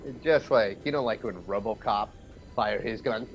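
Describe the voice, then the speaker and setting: A man playing a tabletop game, describing his character's action in an enthusiastic, rambling way with a gravelly voice. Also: fairly low pitch, moderate pace, slight background noise, rough recording. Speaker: player. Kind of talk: casual chat.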